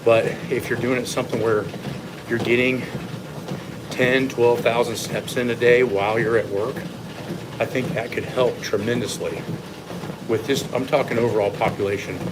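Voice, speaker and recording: A man who coaches fitness, talking casually to livestream viewers in a measured, opinionated way while walking on an incline treadmill. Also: medium pitch. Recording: loud steady treadmill machine noise. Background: treadmill running noise.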